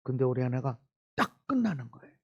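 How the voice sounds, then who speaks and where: A middle-aged man, a pastor preaching a sermon, who swings between emphatic shouting and hushed, near-whispered lines and repeats phrases for stress. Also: medium pitch, very animated, quick pace, breathy edge, highs cut off.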